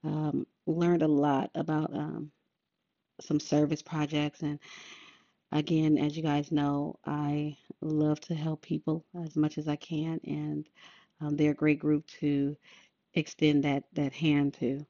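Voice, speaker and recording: A woman's voice: sits low, monotone, takes it slowly, warm tone, dry recording. A woman podcast host, older, talking in a laid-back, rambling way with many fillers. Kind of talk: casual podcast monologue. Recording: dull lo-fi sound.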